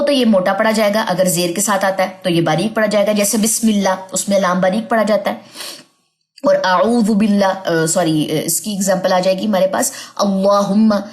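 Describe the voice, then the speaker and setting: Woman teaching tajweed, drawn-out examples. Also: medium pitch, darkish tone. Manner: checks understanding often, drawls example words slowly. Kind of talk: slide-based online lesson.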